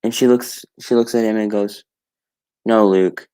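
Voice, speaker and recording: A man's voice: mid-range voice, flat delivery, brisk, mellow, clear, resonant tone. A man streaming alone, retelling a story in a rambling casual way with many restarts and self-corrections. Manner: casual, swears offhandedly.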